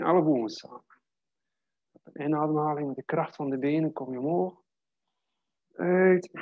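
Gravelly man guiding yoga. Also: medium pitch, no echo, phone-quality sound. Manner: calm, steady cueing of breath and posture. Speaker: yoga teacher. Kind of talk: guided yoga class instruction.

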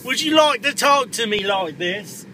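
A man's voice: sits high, expressive, unhurried, bright, forceful tone. A man driving and ranting in a put-on Cockney impression, crude and mock-flirtatious, recorded on a camera in a moving car. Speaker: vlogger. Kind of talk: crude comedic rant. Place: inside a car while driving. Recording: road noise from a moving car.

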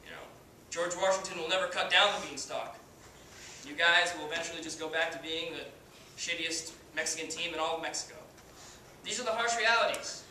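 A young man playing a cocky, foul-mouthed baseball star, giving a swaggering halftime pep speech with deliberate pauses. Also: a little high, sharp tone. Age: young adult. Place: indoor hall, stage area, far camera. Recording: distant, very echoey room, faint noise.

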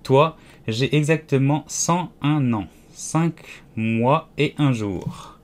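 A man voicing a fussy, scatterbrained old queen who wails and lectures in an audiobook. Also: drawn-out words. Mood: lecturing. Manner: shrill wailing cries, fretful and peremptory. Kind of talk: audiobook character voice.

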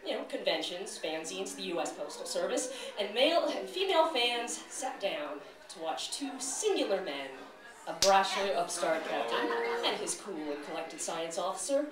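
A woman's voice: medium pitch, sing-song, normal speed, crowd noise. A woman giving a comic spoken word performance live, reading in a dramatic storytelling way. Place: live venue indoors, an art gallery. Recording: very echoey room from far off, audience laughter. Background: audience laughing.

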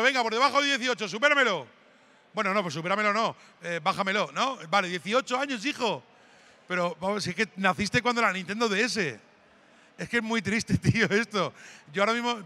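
Middle-aged male stand-up comic, bright high voice, brash teasing crowd work, live event hall. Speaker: stand-up comedian.

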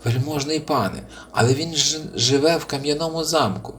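A man voicing a clever little male hare who speaks very politely and flatteringly, pleading and scheming, in a storybook reading. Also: fairly high pitch, normal speed, a little hiss or hum, pitched above the performer's own voice, lightly acted. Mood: sly.

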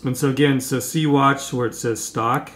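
Crowd noise comes through as a man with a mid-range voice and fairly even intonation explains a product at a moderate pace. It's a relaxed, hands-on tutorial given at a table in an indoor room, recorded with a roomy feel and faint background noise.

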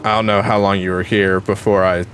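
A man's voice: sits low, little pitch movement, brisk, a bit bright, slight background noise. A man streaming a video game at home, chatting casually and rambling with lots of "like" and "um". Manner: chatty and rambling, many fillers like "like" and "um". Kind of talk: casual gameplay commentary.

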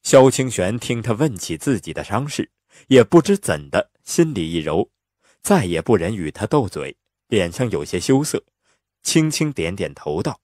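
A man narrating an audiobook in an expressive, lively storytelling manner on a close mic. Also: lowish voice, moderate pace, no room sound.

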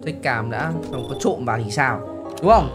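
A man giving joking, excitable let's-play commentary to his viewers. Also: medium pitch, moderate pace. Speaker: gaming YouTuber. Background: game music.

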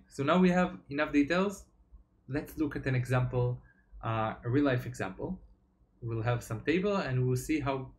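A young man, a software developer, giving a tech talk over slides, explaining step by step with frequent fillers. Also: medium pitch.

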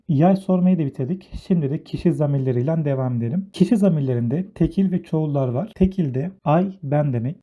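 A man explaining a beginner English lesson, going slowly and step by step and repeating each word in two languages. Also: fairly high pitch. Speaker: English teacher. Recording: tinny phone-like sound.

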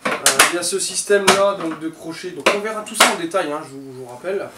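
This man in his thirties talks fast in a fairly high voice, chatting casually with his viewers about new tools in his cluttered home workshop and calling them "les gars." Recorded on a far-off camera mic, the audio is roomy and echoey with faint noise.

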